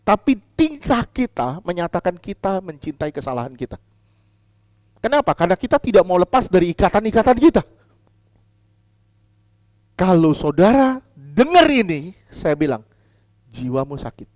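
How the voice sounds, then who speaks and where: A man preaching a sermon as pastor, putting questions to the congregation, repeating key lines and swinging between loud emphatic lines and quiet asides. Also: sits high, big pitch swings, moderate pace, pauses often, no room sound, clean studio sound.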